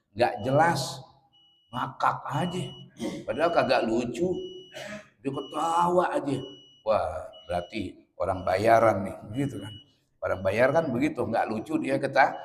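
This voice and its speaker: A man's voice: medium pitch, in a large hall. A man teaching a religious lesson. He reads Arabic lines from the book, then explains them with playful everyday examples. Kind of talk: kitab study lesson.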